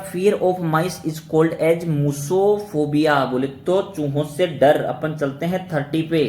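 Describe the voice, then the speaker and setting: A man's voice: a little high, darkish tone. A man teaching exam-prep vocabulary who keeps asking his own questions, answering them and spelling words out letter by letter. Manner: asks and answers his own questions, repeating each word. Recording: roomy echo with faint background noise.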